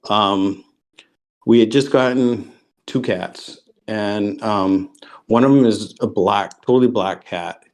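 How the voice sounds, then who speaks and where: Speaking slowly in a fairly low voice, a male podcast guest tells a long story casually. His delivery rambles, full of ums and restarts.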